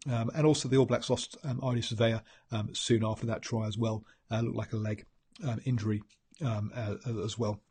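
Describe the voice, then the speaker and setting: Congested from a cold, this rugby pundit host speaks with a New Zealand accent and gives a meandering solo breakdown of the match, full of ums and false starts. He talks fairly quickly in a lowish voice, and his delivery is fairly even, a little mellow, and slightly rough.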